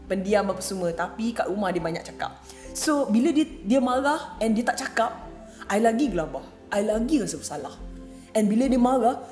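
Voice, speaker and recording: A woman from Kelantan tells a story in a relaxed vlog, soft-spoken and chatty, slipping easily between her own language and English. Her voice sits a little high. The room is noticeably echoey, with faint music playing underneath. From Kelantan, Malaysia. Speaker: vlogger. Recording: roomy echo with faint music. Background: faint background music.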